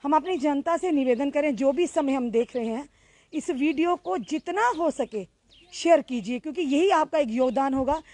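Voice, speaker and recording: A woman's voice: high-pitched, moderate pace, darkish tone, dry recording. A woman reporter doing an on-the-spot field report, earnestly appealing to viewers. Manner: soothing with a crying child. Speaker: local news reporter.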